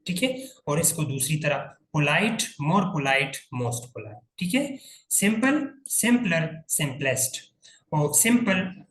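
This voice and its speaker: Male grammar teacher, slow and methodical, spells words out and checks understanding; recorded in a roomy, echoing space. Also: on the high side, fairly bright tone. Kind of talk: classroom grammar lesson.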